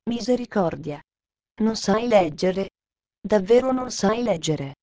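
A woman's voice: mid-range voice, expressive, slow pace, warm tone, no room sound. Woman reading as a stern, scolding governess. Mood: aghast. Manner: severe, scolding questions. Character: stern strict middle-aged female governess.

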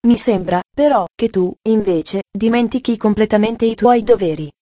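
A woman's voice: mid-range voice, normal speed, warm tone, dry recording, dull audio, lightly acted. A woman voicing a stern strict aunt. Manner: stiff, clipped and reproachful.

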